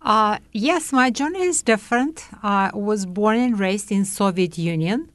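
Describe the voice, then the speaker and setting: This is an older woman, giving a personal testimony as an interview guest. She talks very slowly and carefully, pausing often. Her voice is smooth and clear, in a dry, close sound. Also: mid-range voice, expressive, no room sound. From Uzbekistan. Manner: slow, careful, with pauses and hesitations.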